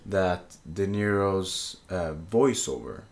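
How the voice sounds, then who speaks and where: A man's voice: deep voice, animated, slow, vocal fry. A young man whose first language is Swedish, co-hosting a casual film chat as a film student, often restarting sentences while he searches for the right words. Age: young adult. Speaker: podcast co-host, film student.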